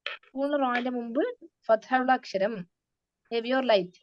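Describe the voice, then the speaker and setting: A woman teaching children Quran recitation, patient and slow, mixing English into her talk. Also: a little high, a little hiss or hum. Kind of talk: online class teaching kids. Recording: dry, dull lo-fi sound.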